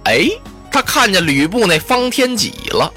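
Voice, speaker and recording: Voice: mid-range voice, very animated, moderate pace, pushed and bright, soft background music. A storyteller in traditional Chinese style who tells the tale vividly, with spoken sound effects and playful asides.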